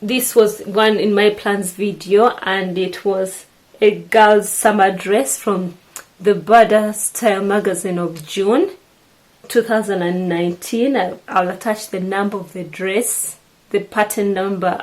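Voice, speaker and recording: A middle-aged Ugandan woman with a Ugandan accent chats casually to the camera about her sewing, often restarting her sentences. She is a sewing vlogger with a mid-range voice, and the recording quality is low.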